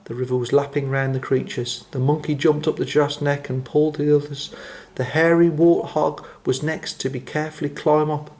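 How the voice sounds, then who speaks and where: A man reading a children's story aloud in a gentle, expressive way, slowing down for dramatic phrases. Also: fairly high pitch.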